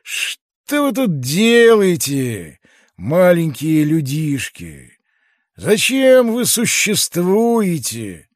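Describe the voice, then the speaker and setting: A man voicing a huge, lonely male giant quarryman who asks slow, plaintive questions, in a dry studio recording. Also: a little high, wildly swooping pitch, dry recording, exaggerated voice. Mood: bewildered.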